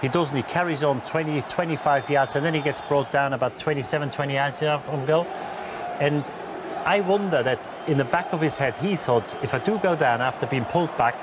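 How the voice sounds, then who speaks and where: A man's voice: fairly high pitch, fairly quick, background noise. A man giving post-match football analysis as a pundit, thinking aloud with many fillers and restarts.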